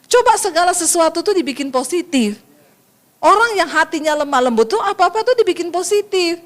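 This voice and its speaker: A woman pastor giving a sermon in a lively storytelling manner, often turning to her listeners directly. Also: very high-pitched, brisk.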